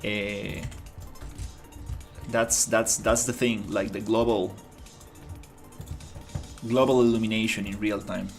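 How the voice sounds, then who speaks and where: An indie game developer from Costa Rica livestreams his work, casually talking through it while rambling and restarting as he thinks aloud. His voice is fairly low with little pitch movement, slow and full of pauses, over soft background music.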